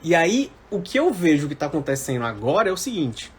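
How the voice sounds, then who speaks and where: Speaking a little fast and with great animation, this roughly forty-year-old Brazilian man mentors civil service exam candidates over a live stream. His somewhat high voice carries emphatic, repeated key phrases in informal pep talks, with slight noise in the background.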